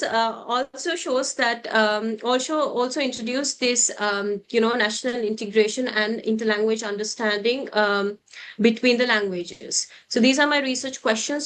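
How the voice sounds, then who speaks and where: A young woman with a Sri Lankan accent giving an academic presentation on an online call, halting often with filled pauses. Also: on the high side, a bit bright. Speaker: research scholar presenting a paper.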